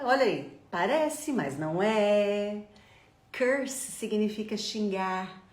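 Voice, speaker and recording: A middle-aged woman with a Brazilian Portuguese accent, teaching English pronunciation in an energetic way and drilling words by repetition. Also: medium pitch, echoey room.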